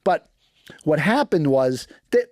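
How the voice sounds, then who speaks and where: A man's voice: on the high side, slow pace, no room sound, studio quality. A middle-aged man with a Boston accent telling long stories in a podcast interview, acting out other people's lines with fillers along the way. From East Boston, USA. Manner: animated storyteller acting out dialogue, frequent fillers. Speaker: guest, former prisoner.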